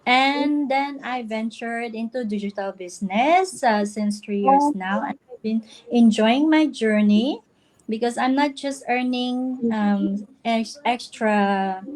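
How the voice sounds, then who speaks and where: A woman's voice: a little high, slow, darkish tone, low-quality recording. A woman from the Philippines hosting a casual live chat, friendly and laughing between lines. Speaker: livestream host.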